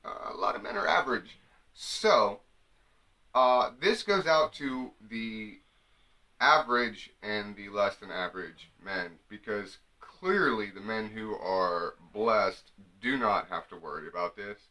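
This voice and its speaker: Young guy doing a jokey advice bit to camera, bright voice, pitch bouncing everywhere. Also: a little slow. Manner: animated, jokey, slips into mock women's voices. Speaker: comedy vlogger. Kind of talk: comic advice monologue to camera.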